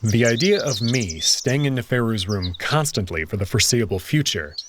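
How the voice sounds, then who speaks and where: Over background music and some background noise, a male host reads a visual novel's scripted narration, telling the story dramatically as he plays through the game. He speaks at normal speed in a mid-range voice with lively intonation.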